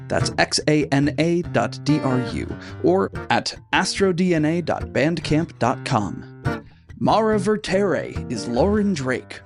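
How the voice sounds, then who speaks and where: Host/GM, outro credits read, upbeat, animated delivery, mid pitch. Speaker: game master and host. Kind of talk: reading show credits. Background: guitar music.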